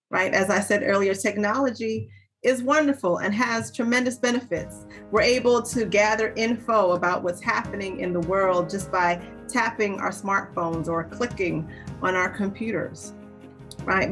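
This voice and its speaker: A woman pastor in her forties preaching a sermon to a webcam from a small room, earnest and conversational, asking her listeners questions. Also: medium pitch. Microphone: webcam on a video call.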